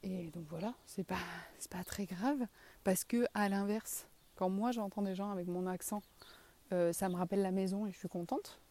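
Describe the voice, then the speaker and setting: A woman's voice: medium pitch, steady tone, normal speed, dark tone. A woman with a southwest French accent, hosting a casual solo podcast while walking around her garden, candid and self-deprecating with the odd swear word. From southwest France. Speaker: podcast host.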